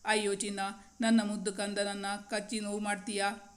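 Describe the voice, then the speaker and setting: A woman voicing a tender, protective young father in a storybook reading, talking softly in a doting, even tone. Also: medium pitch, moderate pace, lightly acted.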